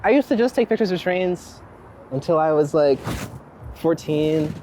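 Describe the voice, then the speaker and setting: In a rough recording made on city streets, the Philadelphia street photographer talks expressively at normal speed, his mid-range voice dark in tone. It's a casual walking interview, wry and thoughtful, with traffic and passing vehicles in the background.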